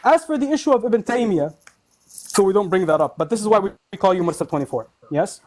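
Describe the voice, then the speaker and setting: A man's voice: high-pitched, animated, fast, a little mellow, slight background noise. A man in a heated online debate, combative and taunting, insulting his opponent as he argues.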